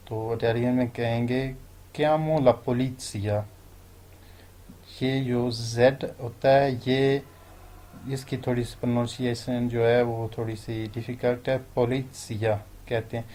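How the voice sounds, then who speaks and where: A man with a Pakistani Urdu accent teaching a lesson, explaining phrases step by step and slowing down to stress each foreign phrase. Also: medium pitch, little pitch movement, mellow. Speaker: language teacher.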